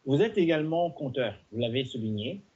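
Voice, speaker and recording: Husky-voiced man hosting a TV magazine. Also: medium pitch, expressive, fairly quick, mellow, highs cut off. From Democratic Republic of the Congo. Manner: friendly, welcoming audience address. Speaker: TV magazine host. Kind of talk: hosted interview.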